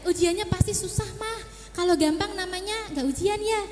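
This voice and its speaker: A woman's voice: very high voice, normal speed, darkish tone, soft background music. A middle-aged woman, a child psychologist, talking to parents in a seminar, coaching them and acting out little scenes between mother and child. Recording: echoey hall reverb.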